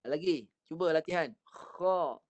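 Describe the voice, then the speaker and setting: High-voiced Malaysian Quran teacher, patient. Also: male voice. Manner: patient, coaching with slow demonstrations of recited words. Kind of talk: online Quran reading lesson.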